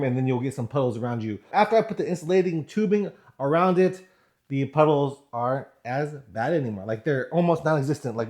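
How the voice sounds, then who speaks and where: A man from the United States talks through a product in a casual vlog style. His voice sits a little high. He is informal and often repeats or rephrases a point as he goes. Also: darkish tone. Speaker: product reviewer.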